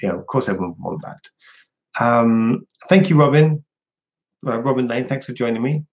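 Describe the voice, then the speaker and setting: A man's voice: medium pitch, normal speed, darkish tone. A man hosting a casual livestream, chatting frankly and answering viewer questions from home. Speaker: livestream host. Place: at home indoors. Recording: dull lo-fi home stream audio.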